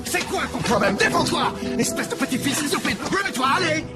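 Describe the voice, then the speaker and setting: A commanding guru, high lively voice, loud music and crowd behind. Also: male voice, fairly quick. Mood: taunting, shouting. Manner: commanding, taunting, escalating to shouts. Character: domineering male commune guru, harsh and provoking. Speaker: cult leader running a group therapy session. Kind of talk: dubbed film acting.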